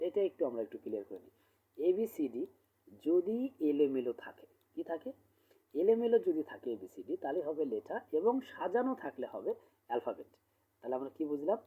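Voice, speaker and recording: Male English teacher, husky voice, drills pronunciation slowly, thin phone-like sound. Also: medium pitch. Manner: explains step by step, asks questions and answers them himself; repeats words slowly to model pronunciation. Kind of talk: classroom lesson. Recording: tinny phone-like audio.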